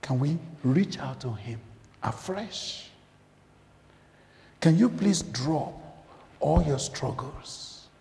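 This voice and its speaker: A man preaching a sermon, impassioned, moving from loud declarations to hushed near-whispers. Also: a little high, animated, very slow, creaky, long pauses. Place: church. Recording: church hall reverb.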